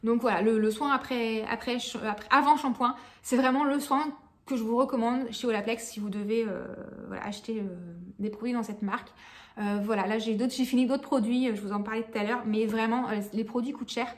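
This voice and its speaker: A woman's voice: on the high side, steady tone, a little fast. A woman chatting casually about beauty products she has used up, full of fillers, restarts and frank remarks. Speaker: beauty vlogger.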